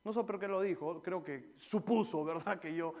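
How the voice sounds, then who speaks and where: Man, pastor, lively sermon, high voice, loud then hushed storytelling. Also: moderate pace. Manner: animated, swings between loud preaching and quiet storytelling. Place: church.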